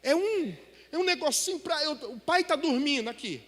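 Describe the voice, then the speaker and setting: A man's voice: very high voice, lively intonation, moderate pace, a bit bright. A middle-aged man preaching a sermon in a church, talking animatedly and asking the congregation rhetorical questions. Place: church hall. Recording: long hall reverb from a church.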